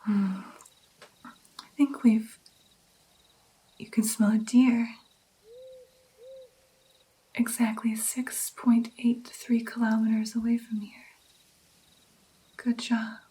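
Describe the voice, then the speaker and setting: Woman acting as a gentle female vampire, ASMR roleplay, breathy whisper, slightly high, slow pacing, patient and encouraging. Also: level tone, low-quality recording. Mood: coaxing, encouraging. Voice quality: soft, breathy, mostly whispered. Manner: slow, coaxing, encouraging with pauses. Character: gentle female vampire patiently training her new darkling. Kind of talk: ASMR personal attention roleplay.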